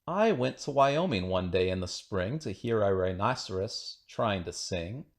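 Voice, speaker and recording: In a low, animated voice, a man takes his time reading kids' rhyming verse aloud. He gives the poems a bouncy, singsong rhythm with a playful touch.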